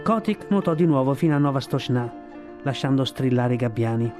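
A man reads a storybook aloud for radio with steady, expressive pacing. His voice sits in the middle range, and soft music plays quietly underneath. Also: medium pitch, brisk. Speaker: reader. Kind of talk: radio audiobook reading.

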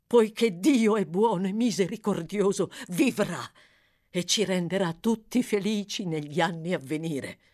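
Brief: woman doing kindly male doctor, slow, soothing, steady. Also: lowish voice, heavily acted.

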